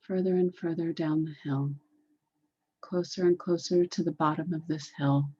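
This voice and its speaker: A woman with a low, warm, husky voice leads a guided meditation, speaking deliberately, soothingly, and with repetition. Her intonation stays fairly even, and the recording sounds dull and muffled.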